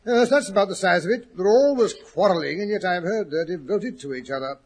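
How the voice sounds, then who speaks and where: An actor playing an affable gentleman doctor, the detective's inquisitive companion, in a 1940s radio drama, conversational and matter-of-fact. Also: high-pitched, expressive, brisk, husky, full character voice. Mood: informative. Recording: old 1940s radio recording.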